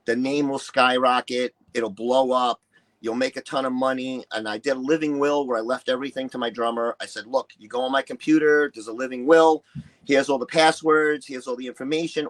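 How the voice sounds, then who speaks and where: A retired musician and bodybuilder from New York City, in his early 60s, tells personal stories candidly in an interview. His medium-pitched voice is fairly even and a bit bright, and he talks fairly quickly. He's blunt, emphatic and profane, and he acts out other people's remarks.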